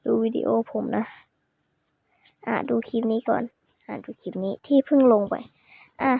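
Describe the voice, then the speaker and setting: A woman's voice: fairly high pitch, steady tone, normal speed, creaky, husky, no echo. A woman vlogging casually to her viewers, rambling and self-critical, often restarting her sentences, recorded on a phone. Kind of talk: casual vlog talk to viewers. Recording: tinny phone-like, dry sound.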